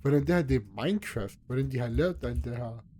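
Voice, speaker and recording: A man's voice: medium pitch, expressive, mellow, a little hiss or hum. A young man nervously commentating a horror game, talking to himself and his viewers as he gets scared. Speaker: gaming youtuber.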